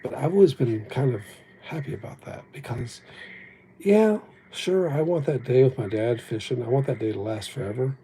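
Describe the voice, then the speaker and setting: A livestream host whose first language was Japanese talks at a moderate pace in a mellow, mid-range voice. He's casual, reflective, rambling and self-deprecating. The old-phone recording is rough, with slight background noise.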